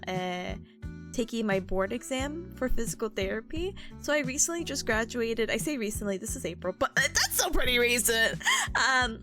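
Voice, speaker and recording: A young woman with a very high voice chats to her livestream in a cutesy, playful way. Her pitch swings widely as she gushes and giggles. Music plays behind her. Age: 20s. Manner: cutesy, playful speak with baby-talk words and mild substitute swears; giggly, gushing, excitable. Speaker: VTuber streamer hosting a co-working stream. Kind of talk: casual livestream chat.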